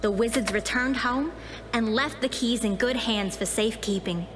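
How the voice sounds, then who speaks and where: A woman's voice: fairly high pitch, moderate pace, background noise, close to an everyday voice. A woman voicing a bossy, centuries-old cartoon witch who talks in a brusque, commanding, theatrical way. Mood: storytelling. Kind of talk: animated cartoon voice acting. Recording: loud music under the voice.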